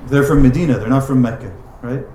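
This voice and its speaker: A man's voice: mid-range voice, fast, warm tone, slight background noise. A man teaching a religious lesson in a casual, conversational way, filling his talk with "like" and "right?" asides. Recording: roomy echoing room.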